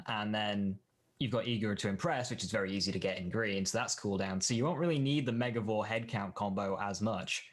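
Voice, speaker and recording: Lower male voice, steady explainer, thinks as he talks. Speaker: guest expert. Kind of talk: game reveal discussion.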